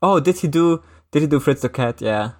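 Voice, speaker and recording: A man's voice: on the high side, lively intonation, brisk. Man, casual chat, rambling, filler-heavy.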